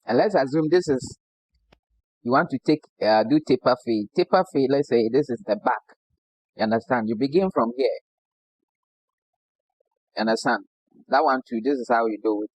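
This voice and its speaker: A Ghanaian barber with a Ghanaian English accent gives a casual hands-on demo, constantly checking in with "you understand?" His mid-range voice moves at a normal speed with frequent pauses, in a low-quality recording with no room sound.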